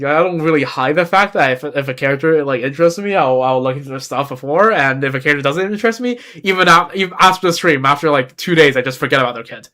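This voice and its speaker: A young game streamer from Beijing, a native Chinese speaker, chats casually in a rambling manner, often correcting himself. His voice is slightly high, pushed, and bright.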